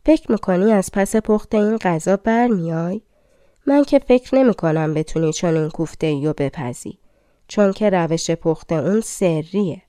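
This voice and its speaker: A woman's voice: lowish voice, warm tone, no echo, clean studio sound, close to an everyday voice. A woman reading a fairy-tale audiobook, voicing a pompous male head chef of a palace with a lordly manner. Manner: lordly, skeptical, then impressed.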